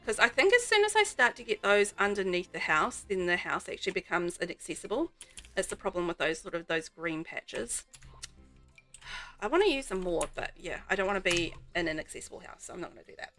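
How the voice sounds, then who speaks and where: Over faint background music, a woman with a New Zealand accent plays a game on stream, rambling casually with viewers. Her mid-range voice is very animated, fairly bright, and a little fast.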